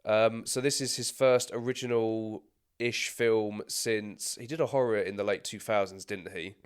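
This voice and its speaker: A man's voice: fairly low pitch, fairly even intonation, measured pace, clean tone. A man co-hosting a film podcast who chats casually, restarts his sentences and reads out a scripted career rundown. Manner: chatty, stumbling restarts, frequent laughter. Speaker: podcast co-host.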